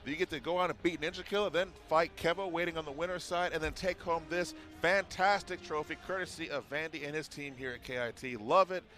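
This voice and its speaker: A man doing energetic play-by-play commentary for a fighting game match. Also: fairly high pitch, fairly quick, hardly any pauses. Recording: commentary over loud game music.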